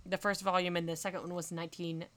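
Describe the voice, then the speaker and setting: A woman's voice: fairly low pitch, level tone, fast talker, fairly bright tone. A young woman co-hosting a casual book podcast, blunt and sarcastic, swearing freely. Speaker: podcast co-host. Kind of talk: casual book-club chat. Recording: remote call audio.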